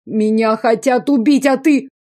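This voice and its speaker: A woman voicing a whiny, cowardly young nobleman from a fantasy audiobook, whining in shrill protests. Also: steady tone, unhurried, mellow, natural voice.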